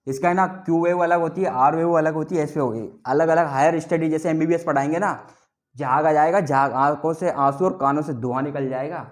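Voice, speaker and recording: A male biology teacher with a slightly high voice delivers a lively classroom lecture in call-and-response style. He drills students to repeat terms back to him and teases them playfully.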